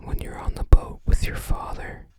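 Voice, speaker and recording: Soft, breathy whispers come from an ASMR video creator, who muses at a leisurely pace while showing and telling.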